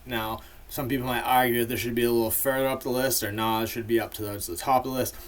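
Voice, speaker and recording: A man's voice: mid-range voice, steady tone, fast. A man in a casual, rambling monologue full of fillers, giving his opinions as the host of a ranking video.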